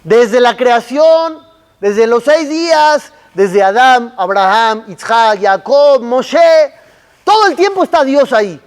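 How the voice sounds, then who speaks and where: Male rabbi, sermon delivery, very high voice, unhurried emphatic questions. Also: lively intonation, long reverb tail. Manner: slow, emphatic teaching with rhetorical questions.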